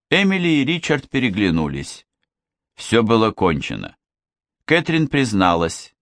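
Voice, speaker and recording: A man reading a novel aloud as audiobook narration, in a measured, expressive storytelling manner. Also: low voice, no echo, studio quality. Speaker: audiobook reader. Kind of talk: scripted narration.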